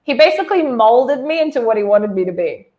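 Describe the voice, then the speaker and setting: The voice is fairly high, brisk and a little mellow, with lively intonation. It belongs to a woman in her thirties from New Zealand who, as a guest on a video-call interview, chats casually about her life, laughing easily and peppering everything with "like" and false starts.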